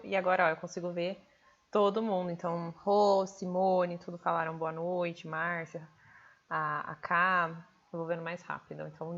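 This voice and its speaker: A woman with a Brazilian Portuguese accent hosting a live stream, chatting casually and talking quickly. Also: lowish voice, highs cut off. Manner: fast, hurried talker.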